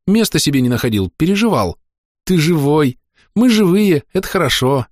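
A man voicing a tearful, sniffling young male recruit in an audiobook, pitched high above his own voice. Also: sing-song, normal speed, dry recording, studio quality. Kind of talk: audiobook character voice.

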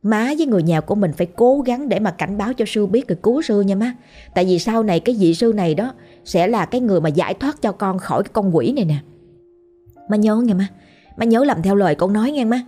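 A woman's voice: mid-range voice, lively intonation, quick pace, warm tone, husky, soft background music. A woman voicing a grieving drowned ghost woman, a young mother, pleading tearfully. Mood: sorrowful pleading.

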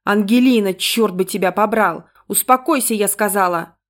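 A woman voicing an irritable, quick-tempered young mother who shouts and curses in an audiobook. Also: mid-range voice, natural voice. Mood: scolding. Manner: shouting, exasperated. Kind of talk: audiobook character reading.

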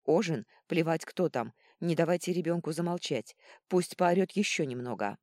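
A woman voicing a stern female archmage who gives clipped, sharp orders. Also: sits low, animated, normal speed, no echo, studio quality.

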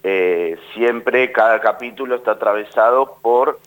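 An actor with an Argentine accent speaks casually in a radio interview, his voice mid-range and his pace measured. He often repeats words while working out what he wants to say.

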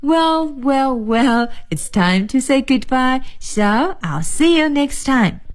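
A woman teaching a broadcast English lesson, slowly repeating each word twice. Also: sits high, lively intonation.

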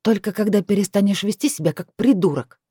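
A woman's voice: mid-range voice, a little fast, dark tone, breathy edge, dry recording, studio quality, pitched above the performer's own voice, close to an everyday voice. A woman voicing a sarcastic, defiant young woman in a fantasy audiobook. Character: sharp-tongued young woman heroine.

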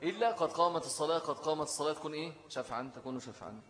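A man's voice: on the high side, racing, fairly bright tone, long reverb tail. A man with an Egyptian accent teaching a lesson on Islamic law, who keeps asking his listeners questions and then answers them himself. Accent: Egyptian Arabic. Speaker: religious teacher.

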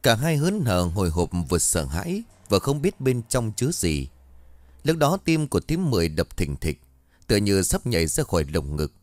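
A man narrating a ghost story in a dramatic, expressive reading style. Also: fairly low pitch, normal speed, no room sound.

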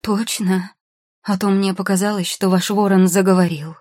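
A woman reading a storybook who voices a panicky young mother, with a shrill, breathless manner. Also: steady tone, normal speed, darkish tone, no room sound, studio quality, natural voice. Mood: wary. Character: frantic, fussy young mother.

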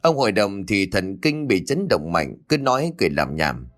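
A man narrating a ghost story in an expressive storytelling manner. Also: moderate pace. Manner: expressive storytelling with lively pitch.

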